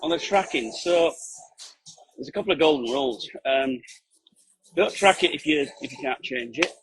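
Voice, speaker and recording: A man's voice: a little high, lively intonation, moderate pace, fairly bright tone, rough recording. Man explaining emphatically on a call. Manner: poses questions then answers them, emphatic. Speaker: call-in guest, print production operator. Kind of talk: casual explanatory chat. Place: outdoors at a pub. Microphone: video call.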